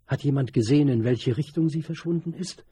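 A man's voice: mid-range voice, brisk, dark tone, breathy edge, dry recording, voice pushed up. A man voicing an angry street boy who leads a gang, speaking urgently and commandingly. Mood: furious.

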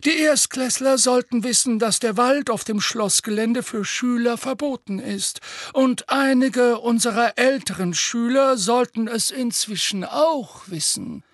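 A man voicing a wise elderly headmaster in an audiobook, speaking in a measured, gently dry manner. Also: very high voice, no echo, voice pushed up. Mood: genial. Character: wise, dryly humorous elderly male headmaster.

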